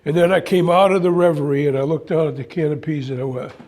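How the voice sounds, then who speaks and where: An older man telling a spiritual story in an animated way, acting out voices and exclamations. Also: on the high side, quick pace. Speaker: spiritual speaker. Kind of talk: storytelling talk.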